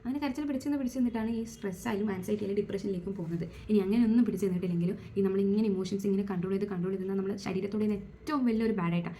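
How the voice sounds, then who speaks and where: A woman's voice: mid-range voice, rapid-fire, few pauses, mellow, slight background noise. A young adult woman hosting a casual talk on psychology, slipping English words into her speech and asking rhetorical questions.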